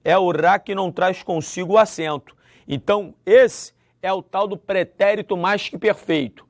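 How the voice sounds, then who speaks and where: A man with a Brazilian Portuguese accent teaching a video grammar lesson, lively and acting out example sentences. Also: sits high, normal speed, no room sound, studio quality. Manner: lively, acts out example sentences with shifting intonation.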